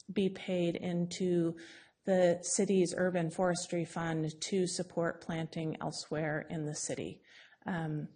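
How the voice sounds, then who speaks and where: Low, flat-voiced woman presenting to council. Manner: measured, frequent ums, explanatory. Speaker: city staff presenter. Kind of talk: formal staff presentation.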